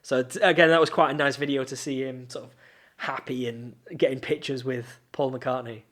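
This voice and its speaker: A man's voice: mid-range voice, steady tone, normal speed, fairly bright tone. Rambling man telling stories. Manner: rambling storyteller with many restarts. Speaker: podcast co-host. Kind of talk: casual chat.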